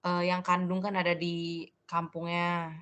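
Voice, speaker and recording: A woman's voice: lowish voice, monotone, measured pace, fairly bright tone. Young woman chatting with hesitant fillers. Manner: friendly, hesitant, laughs often. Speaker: student in group discussion. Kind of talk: casual chat.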